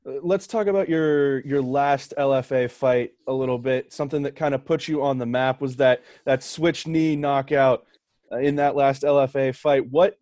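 A man co-hosting an interview, asking measured, slightly hesitant questions. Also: medium pitch, fairly even intonation, a little mellow, no echo, studio quality. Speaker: podcast co-host. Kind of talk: casual interview.

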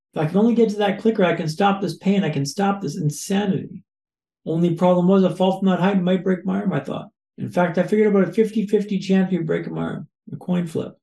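A man with a high, gravelly voice tells his story in an interview, building it up with repeated phrases and punchy lists. His tone is dark and mellow, and the room around him echoes. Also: fairly even intonation, fast. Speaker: podcast guest.

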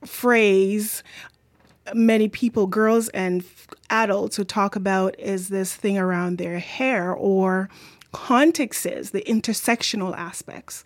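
An unhurried woman speaks with a light Jamaican accent, earnest and thoughtful. She pauses and restarts as she finds her words. The sound is dry and close. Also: mid-range voice, steady tone, no room sound. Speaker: community mentor and author. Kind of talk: interview answers.

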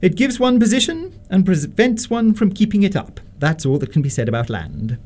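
Here a man portrays an imperious Victorian lady of middle age, radio stage-comedy style, pitched high for a man with wild rises and falls in a sing-song, slightly mellow voice. He questions with haughty disapproval, pompous and deliberate, swooping on his emphasis.

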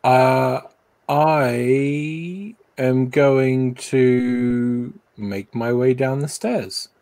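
Guy playing a tabletop rpg, mid voice, talks slow and casual. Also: medium pitch, fairly even intonation, darkish tone, no echo. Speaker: player. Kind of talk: casual tabletop roleplaying chat.

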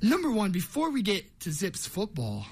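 A man's voice: high-pitched, huge pitch swings, normal speed, breathy edge. A young man hosting a college sports radio show in a casual, chatty way. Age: young adult.

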